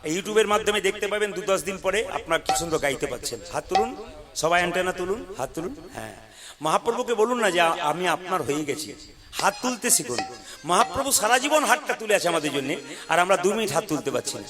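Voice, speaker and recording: Man, kirtan preacher, high-pitched, coaxing crowd, clear devotional music behind. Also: animated, a little fast. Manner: exhorting, coaxing a crowd to chant loudly. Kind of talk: devotional preaching with call-and-response chanting. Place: live devotional gathering with audience. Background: devotional music playing.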